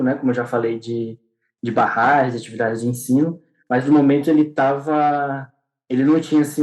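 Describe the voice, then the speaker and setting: A man's voice: mid-range voice, a little mellow, low-quality recording. A young man, a podcast guest telling a story in casual interview talk, often restarting and filling with "é" and "né". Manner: hesitant, many restarts and fillers.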